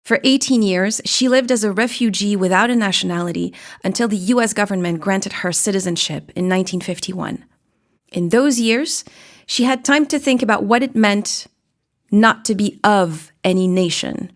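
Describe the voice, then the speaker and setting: A woman journalist hosts a documentary podcast, narrating from a script in a measured, reflective way and posing questions to the listener. Her voice is medium-pitched, with a music bed behind it.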